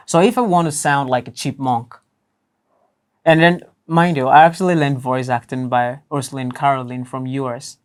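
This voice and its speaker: A young man with a boyish voice that lacks deep range, talking casually as an interview guest. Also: fairly even intonation, normal speed. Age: young adult. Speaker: interview guest, voice actor and writer.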